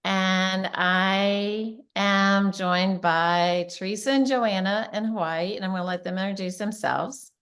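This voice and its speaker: A middle-aged woman hosts a relaxed conversation in an upbeat voice. She laughs easily and slips into playful quoted asides as she tells stories. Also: mid-range voice, a little slow, few pauses. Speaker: host, real estate agent. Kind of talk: casual chat.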